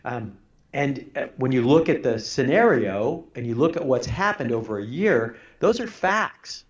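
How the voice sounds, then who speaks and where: The sound is lo-fi as a middle-aged retired army intelligence officer gives a radio interview on politics. He is animated yet a little slow, medium-pitched and earnest, often breaking off to restart and repeating words mid-thought.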